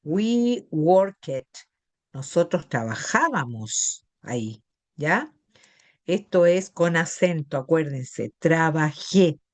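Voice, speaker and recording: A woman's voice: low-pitched, big pitch swings, slow, darkish tone, no echo. A middle-aged woman teacher with a Chilean Spanish accent, patiently explaining grammar to a class and often checking that students follow. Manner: patient, checks understanding with tag questions. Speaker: English teacher.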